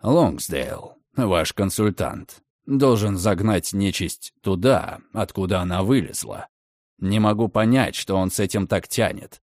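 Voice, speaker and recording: A man voicing a sly, mocking gentleman who speaks in a low, quiet drawl. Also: expressive, takes it slowly, no echo, studio quality, heavily acted. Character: mocking, menacing grown gentleman, sly and cold.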